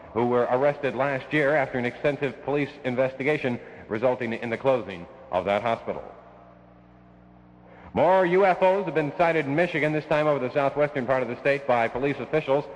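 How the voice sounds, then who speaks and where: Male American local newsreader, mid-range voice, scripted vintage bulletin, reverberant radio sound. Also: mid-range voice.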